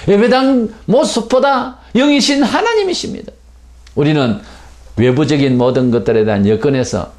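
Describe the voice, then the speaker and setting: A male pastor delivering a Sunday sermon with a gravelly edge to his voice. His delivery is animated, rising high for emphasis and then sinking low. He preaches in an emphatic, insistent way. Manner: emphatic preaching with wide swings between raised and dropped voice.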